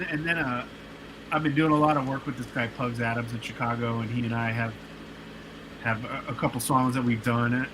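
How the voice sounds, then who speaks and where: On a podcast, a guest in his late forties who works as a producer and artist spins stories in a relaxed, meandering way, stumbling into frequent fillers and restarts. He speaks in a mid-range voice over background noise.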